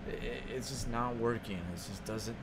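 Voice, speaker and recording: A man co-hosting a casual podcast, excitable and swearing often as he talks. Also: noisy background. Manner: excitable, swears often, quick shifts in pitch. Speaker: podcast co-host.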